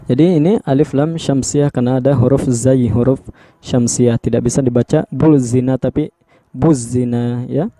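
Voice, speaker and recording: A man with an Indonesian accent gives a tajwid lesson, reciting verses and then breaking each rule down slowly and repeating the key terms. His voice is very dark and mellow. It is recorded dry and close, with no room sound. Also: mid-range voice, steady tone, no echo. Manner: explains patiently, repeats terms, slows to spell out sounds. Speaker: teacher.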